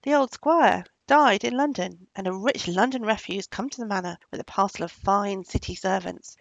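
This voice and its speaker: Woman doing a blunt, loud country farmer. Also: mid-range voice, moderate pace, vocal fry, no echo, highs cut off.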